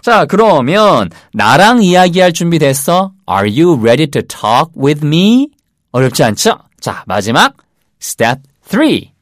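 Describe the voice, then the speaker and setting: A man with a Korean accent teaching English in a casual lesson, drilling phrases slowly and rhythmically. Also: on the high side, sing-song, no echo, studio quality.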